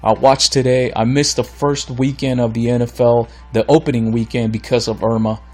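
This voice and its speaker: A Florida man hosting his own solo podcast rants bluntly and with exasperation while losing his voice. His delivery is flat and moderately paced, with a medium pitch and slightly mellow tone, over faint background music.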